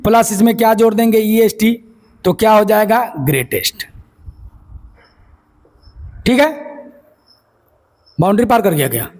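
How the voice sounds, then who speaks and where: A man's voice: very high-pitched, darkish tone. A man teaching English grammar as a lecture, explaining step by step and asking and answering his own questions. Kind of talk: classroom lecture.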